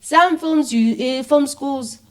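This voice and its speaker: A woman's voice: high-pitched, slow pace. A young South African woman, a filmmaker guest, telling stories in a casual chat and acting out other people's voices as she goes. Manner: animated, mixes English and isiZulu, acts out voices in anecdotes.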